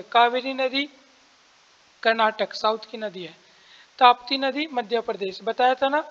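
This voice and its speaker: A man teaching an exam-prep lesson, explaining step by step, asking and answering his own questions and clearing his throat often. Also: extremely high pitch, fairly bright tone, long reverb tail, muffled recording.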